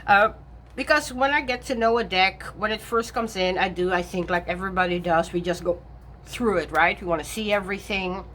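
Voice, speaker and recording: A woman's voice: mid-range voice, fairly quick, a bit bright. A woman talking through her tarot decks in a loose, rambling vlog chat. She backtracks and rephrases often and breaks into easy laughs. Faint room noise sits under her voice. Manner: chatty and self-correcting, laughs often. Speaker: tarot vlogger.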